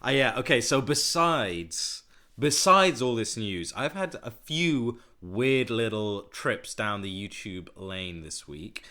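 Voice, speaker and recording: Bright-voiced guy running a podcast, kinda nasal, chatty and teasing. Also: mid-range voice, sing-song, takes it slowly. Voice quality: a little nasal. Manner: chatty, teasing, rambling with fillers. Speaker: podcast host. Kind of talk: casual chat.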